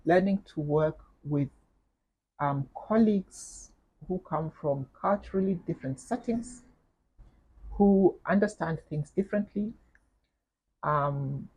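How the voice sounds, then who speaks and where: Middle-aged kenyan woman on an interview, husky mellow voice, slow and thoughtful, lots of ums. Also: low voice, poor audio. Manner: measured, thoughtful, with frequent fillers and repeated words. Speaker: interview guest, UN official. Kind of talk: reflective interview conversation.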